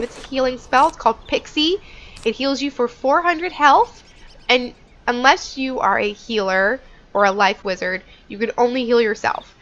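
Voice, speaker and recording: Higher-voiced woman doing casual game commentary. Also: a bit bright. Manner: chatty, informal, thinking aloud. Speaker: gaming video host. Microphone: headset.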